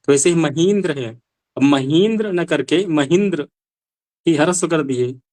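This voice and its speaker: A man's voice: fairly high pitch, measured pace, a little mellow, no room sound. A male Sanskrit teacher giving an online language class, explaining step by step and asking rhetorical questions.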